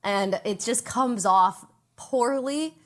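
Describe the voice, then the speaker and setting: A woman's voice: a little high, slow, a bit bright. A woman streamer talking in a hesitant, defensive way, with many fillers. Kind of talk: streamed chat.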